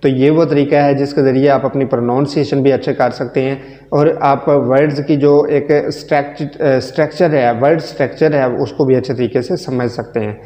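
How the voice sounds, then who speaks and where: A man teaching a lecture. He explains slowly and asks and answers his own questions as he mixes in English grammar terms. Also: mid-range voice, fairly even intonation, warm tone, reverberant, long reverb tail.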